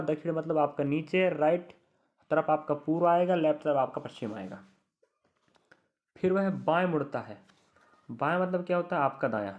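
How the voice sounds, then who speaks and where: A young adult man gives an online reasoning lesson in a fairly high voice, speaking straight to his students. He repeats key words and keeps reassuring them. The recording is muffled and lo-fi. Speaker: exam coaching teacher.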